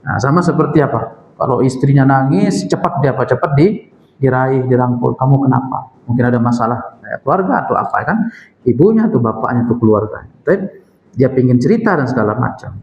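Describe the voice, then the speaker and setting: A man's voice: medium pitch, animated, a little fast, dull audio, a little hiss or hum. A man with an Indonesian accent teaching Quran exegesis in a mosque study circle. He recites Arabic text and keeps asking the audience questions that he answers himself. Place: mosque hall. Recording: echoey mosque hall.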